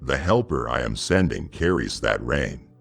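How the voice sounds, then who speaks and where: A man delivers scripted devotional narration, addressing the listener directly and intimately. His voice sits extremely low and carries a gravelly rasp, paced in a solemn, measured way. Soft music plays faintly underneath. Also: big pitch swings. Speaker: devotional narrator speaking as God.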